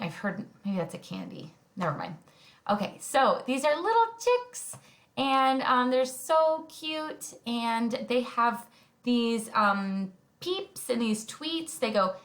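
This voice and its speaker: A preschool music teacher talks to small children at an unhurried pace, keeping her words simple and gentle. Her voice is lively and rises and falls widely as she demonstrates high and low sounds for them. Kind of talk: recorded lesson for young children.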